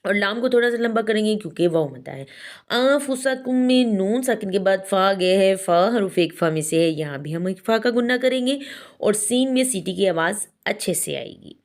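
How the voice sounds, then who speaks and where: A woman patiently and methodically teaches the rules of Quran recitation, explaining each step and slowly modeling every pronunciation. Her voice is mid-range and animated.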